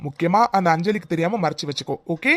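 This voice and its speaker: Figure: someone voicing a caring young man, fast and soothing. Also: mid-range voice, no room sound, lightly acted. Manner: soothing, reassuring, quick. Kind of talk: cartoon voice acting.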